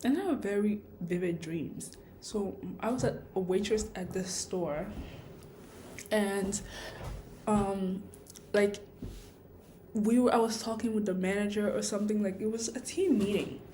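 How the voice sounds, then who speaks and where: A woman's voice: mid-range voice, unhurried, warm tone, slight background noise, low-quality recording. A woman vlogging a personal story in a casual, rambling, reflective way, with a lisp from wearing retainer-like aligners. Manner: rambling, reflective, self-questioning.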